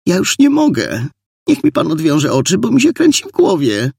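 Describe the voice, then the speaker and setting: A man voicing a frightened, headstrong young woman inspector who cries out in a high, pleading voice. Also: wildly swooping pitch, normal speed, creaky, a little mellow, breathy edge, no room sound, clean studio sound, full character voice.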